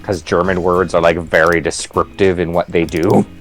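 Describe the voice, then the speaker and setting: A man's voice: sits low, flat delivery, normal speed, soft background music. A man co-hosting a let's play, rambling casually with lots of "like" and restarts and laughing often. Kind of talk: casual gaming commentary.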